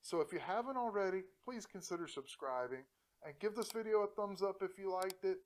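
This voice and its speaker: A man's voice: high voice, expressive, a little fast, a little hiss or hum, rough recording. A man hosting a PC-building tutorial, talking casually to the camera, joking and laughing often while encouraging viewers. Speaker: host of a PC-building channel.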